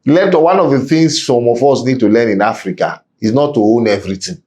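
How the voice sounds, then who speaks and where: A man's voice: medium pitch, brisk, darkish tone. Nigerian man giving emphatic advice. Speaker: podcast guest, real estate business executive. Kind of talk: conversational interview with opinionated advice.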